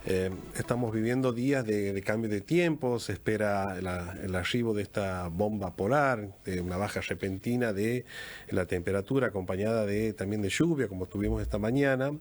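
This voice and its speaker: Argentine male radio host, halting delivery with restarts. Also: lowish voice, darkish tone. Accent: Argentine Spanish. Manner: halting, many restarts and backchannels. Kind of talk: radio interview hosting.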